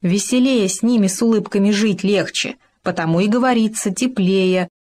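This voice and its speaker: A woman voicing a small, clever male hamster, speaking in a squeaky, innocent and patient way in a storybook reading. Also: measured pace, natural voice. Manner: calm, innocent, explaining patiently.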